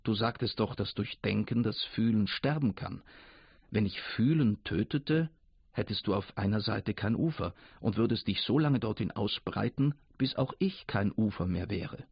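Male reader doing eager, curious personified Thinking, husky, dry close sound. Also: fairly low pitch, expressive, normal speed, no echo, full character voice. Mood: eager, insistent. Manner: eager, insistent. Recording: dull lo-fi radio recording.

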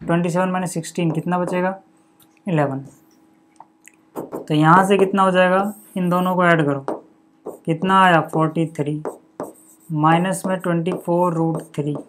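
A man's voice: high voice, a little hiss or hum. A male maths teacher talking through a solution step by step. He keeps asking the viewer what comes next and then answers himself, and drops in casual filler words like "okay" and "buddy". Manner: reads out numbers and steps one by one. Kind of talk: step-by-step board lesson.

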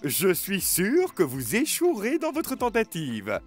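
A man's voice: sits high, huge pitch swings, slow, soft background music, heavily acted. A man voicing a boastful runaway pancake in a cartoon, taunting in a sing-song way. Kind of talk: cartoon voice acting.

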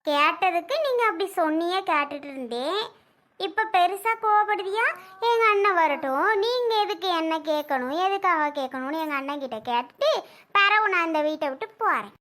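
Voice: extremely high pitch, lively intonation, normal speed, pushed and bright, heavily acted. A performer playing an angry, proud middle-aged sister-in-law who keeps firing accusing questions in a family drama skit. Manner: accusing, demanding, repeats her questions.

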